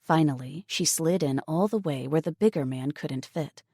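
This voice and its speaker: A woman narrating an audiobook novel in an even, measured storytelling manner. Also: low voice, husky, no room sound, clean studio sound. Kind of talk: scripted narration.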